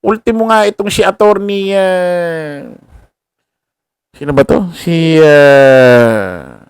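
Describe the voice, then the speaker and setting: A man's voice: on the high side, slow, clean tone, no room sound. A man giving casual political commentary to viewers, mocking and laughing, full of rhetorical questions. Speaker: commentary vlogger.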